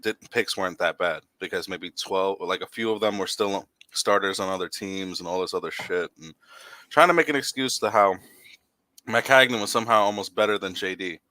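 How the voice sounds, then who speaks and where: Low, bright-toned man venting opinions. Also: brisk, no room sound. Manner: opinionated, rambling with restarts. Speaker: podcast host. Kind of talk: casual sports chat.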